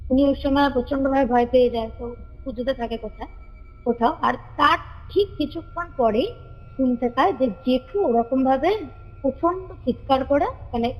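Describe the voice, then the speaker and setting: Over a reverberant phone line with music behind her, a high-pitched woman casually tells her family's ghost story as a caller, circling back to repeat phrases. The audio sounds dull.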